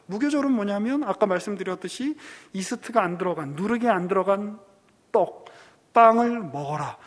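A man with a high, light voice preaches a sermon in a hall. He tells the story conversationally, acting out quoted lines and turning to the congregation with asides. The sound rings with a long reverb. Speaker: pastor.

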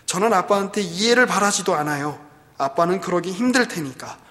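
A man's voice: high-pitched, expressive, a little fast, a bit bright, pitched above the performer's own voice. A man voicing a frustrated thirty-year-old pastor's daughter, pleading and resentful, in a reverberant hall. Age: 30s.

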